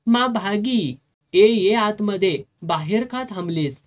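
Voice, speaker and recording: A reader voicing a drunk, lecherous, domineering officer who slurs his words and shouts, in a storybook reading. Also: mid-range voice, animated, slow pace, pitched above the performer's own voice. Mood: leering. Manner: slurring, bullying, shouts.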